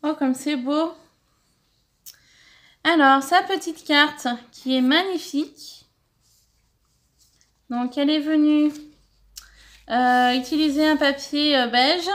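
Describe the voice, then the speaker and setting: A middle-aged woman from France with a high-pitched voice chats casually as she opens mail from viewers. She thanks each sender and often stumbles and restarts her sentences. She sounds like a hobby vlogger talking to her subscribers. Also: slow pace, pauses often, fairly bright tone. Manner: chatty, thankful, stumbles over words. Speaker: scrapbooking channel host. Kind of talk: casual mail-opening vlog.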